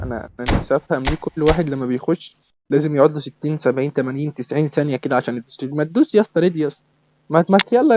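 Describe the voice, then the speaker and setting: A young man with an Egyptian accent commentating his own football video game matches, excitable and repeating words in bursts. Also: mid-range voice, background noise. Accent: Egyptian Arabic. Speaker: gaming YouTuber. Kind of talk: live gameplay commentary.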